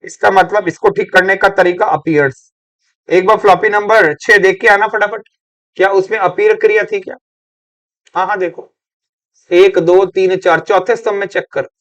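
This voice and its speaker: A man's voice: high-pitched, fairly even intonation, moderate pace, fairly bright tone. A man teaching an English grammar lesson, questioning and coaxing his students and repeating words. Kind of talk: classroom lecture.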